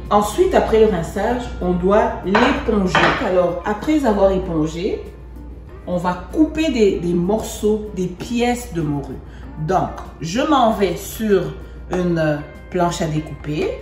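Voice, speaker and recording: A woman's voice: mid-range voice, animated, slow pace, darkish tone, echoey room, faint music behind. A woman from Congo giving a cooking demonstration, chatting and rephrasing herself as she works. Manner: chatty, repeats and rephrases while working. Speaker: home cook presenting a recipe.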